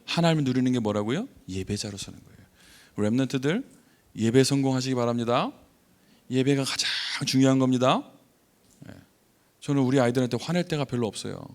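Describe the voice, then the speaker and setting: A middle-aged man and missionary preacher giving a conversational sermon in a church. He tells stories with animated rhetorical questions, and his voice sounds gruff, as if angry, even when he is not. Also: medium pitch, a little fast, long pauses. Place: church sanctuary.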